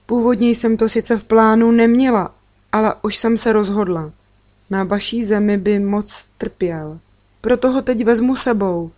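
Alien girl, calm and kind, serious and gentle, as a woman reader puts her on. Storybook. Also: a little high, natural voice. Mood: resolved. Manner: serious, gentle, matter-of-fact.

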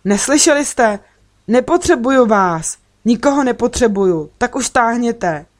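A woman reading the lines of a proud, worn-out boy who snaps and shouts when pushed. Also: on the low side, close to an everyday voice. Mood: shouting angrily. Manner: defensive, angry shouting.

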